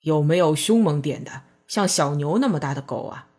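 A woman voicing a coarse middle-aged male dog butcher in an audiobook reading, with a blunt, gruff delivery. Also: low voice, expressive, normal speed, mellow.

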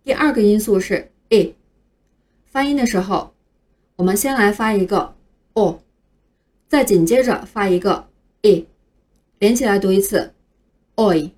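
A woman's voice: medium pitch, darkish tone. A woman teaching English pronunciation in a scripted phonics lesson, carefully spelling out each word letter by letter. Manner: slow, careful spelling out of words.

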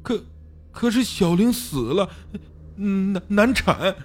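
Sobbing young father, man putting him on, stammering, lively high voice, breathless. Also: normal speed, husky. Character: young man, distraught new father, weeping.

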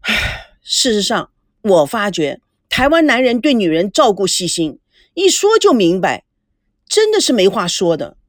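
Lady reading a guilty young guy, stammery and defensive, lively pitch. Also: a little slow, no echo, studio quality. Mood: hesitant, defensive. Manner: hesitant, defensive. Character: young man, awkward and guilty.

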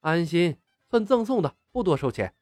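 Teasing confident young leader, lively and upbeat, a man reading him. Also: on the high side, normal speed, no echo, studio quality, soft background music. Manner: teasing, self-assured. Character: sly, confident young male team leader.

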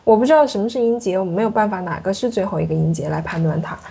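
A woman teaching French pronunciation in a classroom, her voice a little husky and breathy. She keeps asking her student questions and patiently walks through each sound. The recording is dull and lo-fi. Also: mid-range voice, rapid-fire, warm tone.

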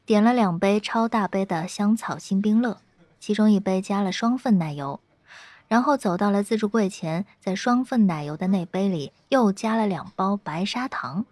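A woman narrating a web novel in a steady, lightly playful storytelling tone. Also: medium pitch, dry recording. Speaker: audiobook narrator.

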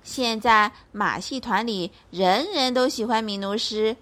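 A woman, a mother, telling a story to her child in a lively, expressive way. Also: on the high side, unhurried.

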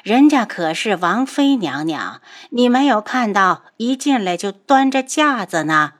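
A haughty middle-aged noble mother scorns and scolds, as a woman narrator acts her out. Her voice swings widely in pitch between mockery and shouting. Storybook drama telling. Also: very animated, measured pace. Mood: sneering. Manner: sneering, then shouting.

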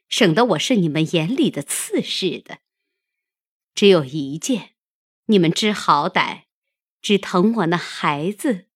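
Female reader plays a proud, bitter young noblewoman; husky, slow, lively in pitch, sharp-tongued and mocking. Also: dry recording, clean studio sound, full character voice. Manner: scolding, then wearily mocking. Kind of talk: audiobook character reading.

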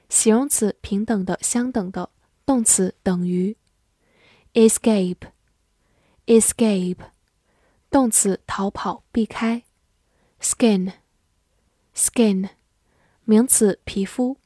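Recorded dry in a clean studio, this woman's medium-pitched, dark voice walks through English vocabulary. Each word gets repeated twice before she lists its parts of speech and what it means.

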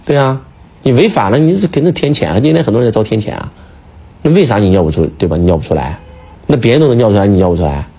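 A husky-voiced man talks quickly and emphatically, firing rhetorical questions at his listener. His pitch sits low but swings widely as he presses each point. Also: animated, mellow. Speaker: speaker, teacher. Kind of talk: casual preaching chat.

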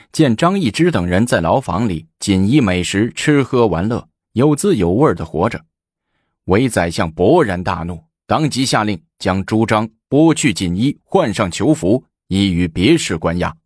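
A man narrating a historical story in an expressive storytelling manner. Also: on the low side, normal speed, husky, no room sound, studio quality.

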